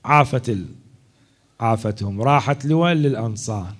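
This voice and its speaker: A man, a religious orator telling a story in a mourning sermon, swinging between loud cries and hushed asides. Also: medium pitch, normal speed.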